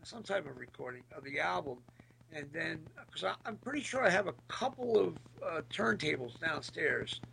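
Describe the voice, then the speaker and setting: A middle-aged man with a very gravelly, gritty rasp talks casually about old memories as a guest. He speaks haltingly and hunts for his words, in a slightly high register for a man. The recording is a little noisy, with clicks. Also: very animated, bright, forceful tone. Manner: halting, hesitant, searching for words. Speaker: podcast guest, former military band musician. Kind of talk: casual reminiscing interview.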